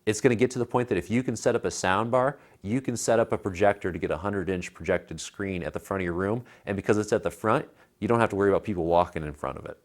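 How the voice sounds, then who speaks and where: Speaking quickly in a voice on the low side, this thirty-something American tech show co-host chats conversationally about home theater equipment. The setting is a home living room, captured with a lapel mic.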